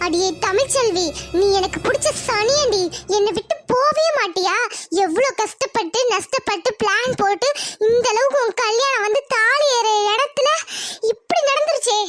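A woman's voice: extremely high pitch, normal speed, a bit bright, faint music behind. A woman voicing a scheming, spiteful young woman in a cartoon, grumbling bitterly. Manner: sour, plotting, grumbling. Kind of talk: Tamil cartoon voice acting.

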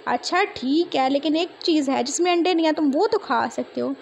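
A woman's voice: sits high, a little fast, creaky, darkish tone, slight background noise. A woman voicing a talkative, bossy young woman who teases a friend. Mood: teasing. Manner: bossy, teasing.

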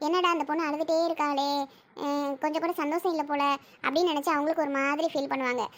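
A performer playing the bride's bossy young female friend in an amateur family drama skit, brisk and scolding. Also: sits high, steady tone, natural voice. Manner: scolding, brisk, talks quickly.

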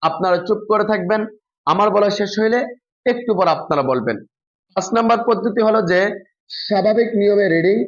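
A man teaching fellow madrasa teachers how to drill reading, drawing out each spelled syllable slowly and then dropping to quieter, lower asides. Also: dull audio. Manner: slow drawn-out spelling demonstrations with quieter low asides. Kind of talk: spoken classroom lesson demonstration.

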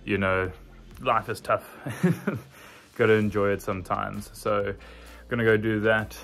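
Low-voiced man casually vlogging a safari trip. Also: flat delivery, unhurried, creaky, a bit bright, soft background music. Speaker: travel vlogger. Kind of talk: casual safari vlog talk to camera.

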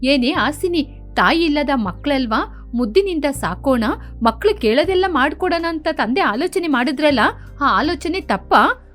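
A woman's voice: high-pitched, animated, normal speed, a bit bright, faint music behind. A woman voicing a stern, loyal older sister from the village who scolds firmly. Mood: scolding. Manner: scolding, firm.

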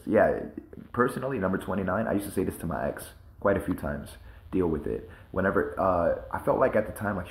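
Deep-voiced man rambling casually in slang. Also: echoey room, background noise. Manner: loose and conversational, heavy slang and fillers. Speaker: vlogger. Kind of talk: casual commentary monologue.

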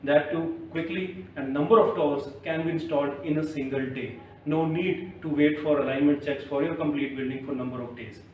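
A man's voice: a little high, moderate pace, hardly any pauses, a little hiss or hum. A man with an Indian English accent presenting tools on a construction site in a persuasive way. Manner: persuasive, keeps recommending. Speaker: product presenter. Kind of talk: on-site product demo chat. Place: construction site, then service center. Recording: echoey site from a distance.

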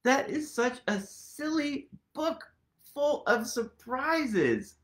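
With a very high, fairly bright voice that swings widely in pitch and stretches out words, a man in his thirties reads a picture book aloud to children. He does it from a small room at home, full of exaggerated wonder and questions for the listeners.

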